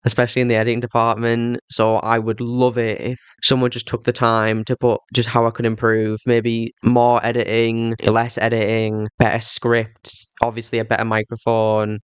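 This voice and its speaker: In a smooth, mid-range voice, completely flat and at normal speed with few pauses, a man from Yorkshire with a thick accent hosts a game retrospective. He moves from scripted commentary to thanking viewers casually. It's recorded dry on a cheap microphone.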